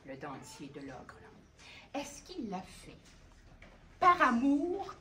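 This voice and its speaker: A woman voicing a curious male philosopher in a tale, who asks his question in a deliberate, hesitant way. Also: on the high side, huge pitch swings, sharp tone, full character voice. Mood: inquisitive. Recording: distant mic with background noise.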